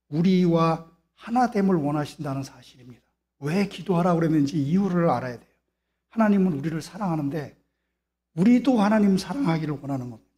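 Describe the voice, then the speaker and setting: This pastor's voice is fairly high yet darkish in color. Preaching inside a church sanctuary, he keeps pressing his point by repeating himself and posing rhetorical questions.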